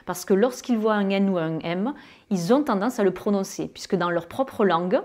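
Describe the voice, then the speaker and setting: A woman with a southern French accent teaching English pronunciation to French speakers, with many fillers and pauses, who draws out her English example words. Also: medium pitch, a little mellow. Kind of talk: spoken lesson.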